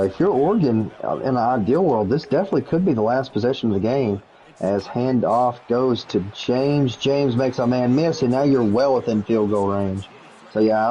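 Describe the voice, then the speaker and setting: A man calling play-by-play for a video game league, quick and jokey, rising to shouts on big plays. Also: fairly low pitch, dull audio. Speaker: play-by-play commentator.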